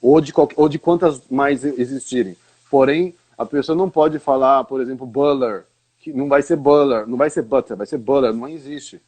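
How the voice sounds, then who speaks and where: A man speaks in a middling, everyday pitch. He explains patiently as a teacher in a live online chat and repeats words to demonstrate them. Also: a little fast, darkish tone, slightly rough. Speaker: English teacher.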